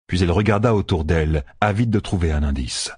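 A man with a husky voice narrating an audiobook with expressive storytelling. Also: low voice, brisk, dry recording. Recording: dry close recording.

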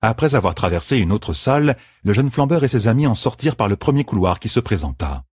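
A man narrating an audiobook chapter in a slow, measured reading. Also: fairly low pitch, sing-song, a little mellow, slightly rough, no echo, clean studio sound. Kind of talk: scripted narration.

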